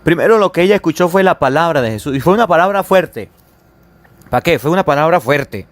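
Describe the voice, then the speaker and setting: A man's voice: on the high side, animated, fairly quick, dry recording. A man, a priest giving a sermon, repeating key phrases with emphasis and speaking straight to his listeners. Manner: repetitive, emphatic preaching that addresses listeners directly.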